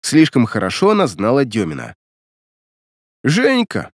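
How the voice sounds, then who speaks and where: A man's voice: medium pitch, sing-song, moderate pace, a little mellow, dry recording, clean studio sound. A man narrating a crime novel audiobook in the first person with a wry, ironic telling.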